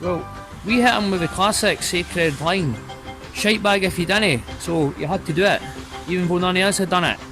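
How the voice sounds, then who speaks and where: A man's voice: high-pitched, brisk, over music. A man in his thirties with a broad Scottish accent, telling stories casually in sweary, colloquial speech. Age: 30s. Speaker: video reviewer and vlogger. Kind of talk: casual anecdote and film chat.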